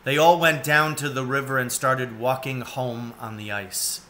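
A man in his forties, seated in a cluttered home room, narrates a children's story. He speaks at medium pitch, a little slowly, with fairly even intonation and a sharp tone.

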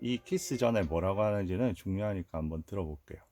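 A man's voice: fast talker, soft background music. A man retelling a film's plot as a commentator, acting out the characters' lines as he goes. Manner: acts out the characters' lines with lively shifts in pitch. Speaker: film commentator.

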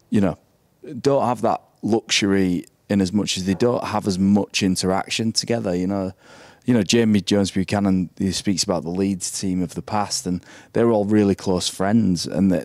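A man's voice: lowish voice, a little mellow, no echo. A man who is a former player, talking bluntly and rambling as a pundit on a live podcast in a brewery taproom.

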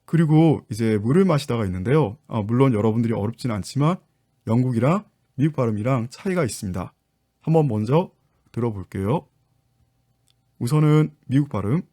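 A man leads an online English lesson and takes his viewers patiently through each step. His voice is mellow and relaxed, and his pitch sits in the middle range. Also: brisk. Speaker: English teacher and book author.

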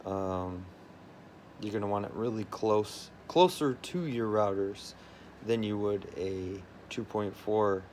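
A man with a lowish, slightly mellow voice speaks slowly while filming his tech setup, a faint hiss or hum audible. This tech vlogger's room is strewn with phones and routers, and he rambles casually through it, leaning hard on filler words.

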